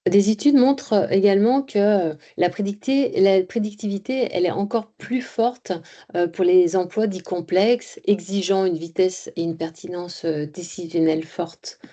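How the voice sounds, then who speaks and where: A woman's voice: medium pitch, moderate pace, mellow, muffled recording. A woman giving an explanatory presentation as an expert speaker.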